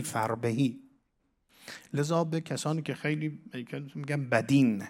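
A man delivers a religious lecture as a Quran teacher, with a voice of ordinary middle pitch. He explains point by point, repeats key words for emphasis and asks his listeners rhetorical questions.

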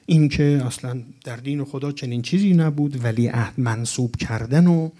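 A man preaching to a gathering, delivering a religious lecture in an emphatic way and reciting Arabic quotations. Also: mid-range voice. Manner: emphatic, rising to animated peaks with Arabic quotations.

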